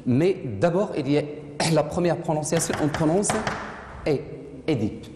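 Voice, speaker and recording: Deep-voiced and speaking at normal speed, a woman teaches French literature to a class, patiently echoing back what her pupils answer. The recording comes from afar in a classroom that is echoey and noisy.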